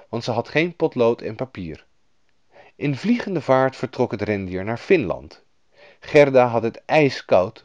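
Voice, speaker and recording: A man narrating a fairy tale in a lively storybook manner, doing the characters' voices himself. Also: on the low side, dry recording. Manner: lively storybook reading, voicing each character. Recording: dull lo-fi dry recording.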